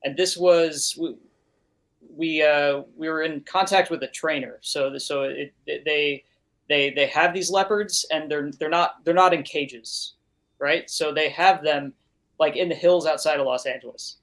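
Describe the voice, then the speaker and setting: A man's voice: on the high side, measured pace, a bit bright. A man who works as a sound recordist, appearing as a guest and telling a story casually with many restarts and fillers. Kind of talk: casual anecdote.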